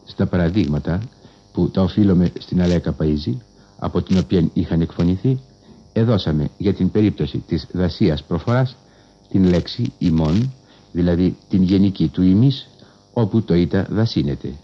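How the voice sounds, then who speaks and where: A man delivering a formal scholarly radio lecture in a measured, precise manner with old-fashioned learned phrasing, heard on an old 1960s radio broadcast. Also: deep voice, lo-fi sound.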